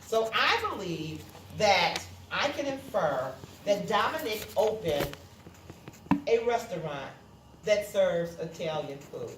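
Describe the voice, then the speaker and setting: Speaking slowly and expressively in a lowish voice, a female teacher walks students through a lesson one step at a time, going over points again and making sure they follow. It's recorded indoors in a noisy, echoey classroom from a distant microphone.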